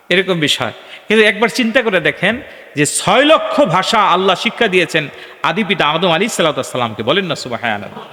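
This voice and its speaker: A man delivers a lively sermon, throwing questions at his listeners and slipping into sung chanting of verses. His voice sits fairly high and rings bright, and it booms back with long reverb as if through a PA in a large hall. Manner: animated, asks the crowd questions and calls for responses. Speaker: preacher. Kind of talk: sermon at a religious gathering.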